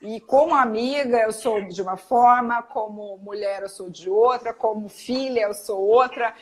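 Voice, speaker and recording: A woman with a Brazilian accent, a doctor giving an animated, emphatic live talk. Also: a little high, a little slow, low-quality recording. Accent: Brazilian Portuguese. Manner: energetic, emphatic, demonstrates tones of voice. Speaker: guest speaker, doctor.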